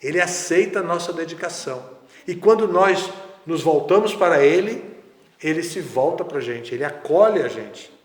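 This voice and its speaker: A man giving a spiritual lecture in a measured, conversational way with casual asides. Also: fairly high pitch, lively intonation. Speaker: spiritual teacher. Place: lecture hall. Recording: echoey hall, roomy reverb.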